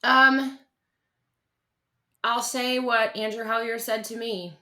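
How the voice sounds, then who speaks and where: Woman, 30s, interview guest, earnest, halting, bright tone. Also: a little high, fairly even intonation. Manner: earnest, halting, many restarts. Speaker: guest, country singer-songwriter. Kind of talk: candid interview conversation.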